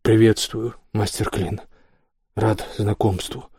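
Male narrator doing a hoarse, courteous storybook monster, low and rasping. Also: flat delivery, slow, warm tone, no echo, studio quality, full character voice. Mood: polite. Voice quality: raspy, hoarse. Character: hoarse dusty under-bed monster, male, polite.

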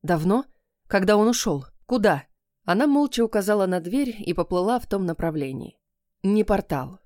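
A woman giving a steady, expressive first-person narration of a fantasy audiobook. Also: fairly low pitch, no room sound, studio quality.

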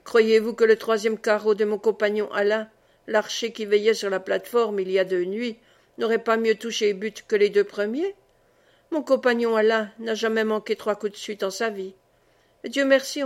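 A woman's voice: on the high side, steady tone, normal speed, natural voice. A woman voicing a jovial, talkative lay brother and former soldier who chuckles and rambles through his stories.

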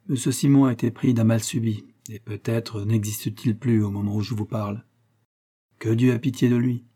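Man voicing a gentle old priest: husky, dark, earnest and pleading. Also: medium pitch, close to an everyday voice. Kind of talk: audiobook character reading.

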